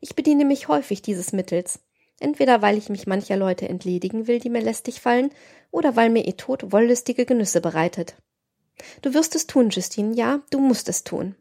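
A woman's voice: on the high side, animated, normal speed, dark tone. A woman reading as a cruel young nobleman. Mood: scheming. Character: cruel, scheming young nobleman, cold and depraved. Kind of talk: audiobook reading.

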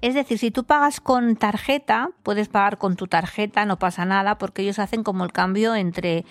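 A woman's voice: medium pitch, moderate pace, dry recording. A woman from Spain hosting a podcast, casually recounting a hotel mishap and acting out the dialogue with laughs. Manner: chatty, acts out dialogue with laughs. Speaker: podcast host. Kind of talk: casual travel storytelling.

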